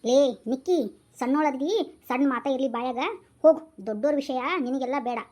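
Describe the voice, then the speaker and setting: A woman's voice: high-pitched, steady tone, fast talker, warm tone. A woman voicing a stern middle-aged village mother who scolds her daughters, with a North Karnataka Kannada accent. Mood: scolding. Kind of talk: homemade village drama.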